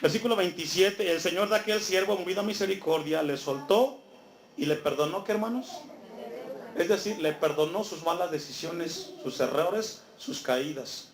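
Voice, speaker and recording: A man's voice: sits high, moderate pace. A man preaching a sermon in a church, reading scripture aloud and asking the congregation to fill in his words. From Mexico. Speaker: pastor. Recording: echoey church hall.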